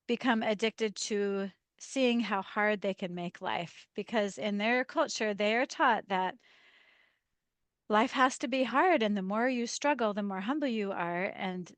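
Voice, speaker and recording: Woman, interview guest, video call, lively storyteller, frequent laughs, acts out quotes, average pitch, dry sound. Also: dry recording.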